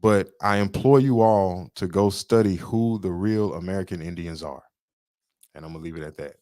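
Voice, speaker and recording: A man's voice: low voice, moderate pace, a little mellow, dry recording, clean studio sound. A man co-hosting a podcast, lecturing in an emphatic way and repeating his points. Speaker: podcast co-host. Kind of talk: casual political talk.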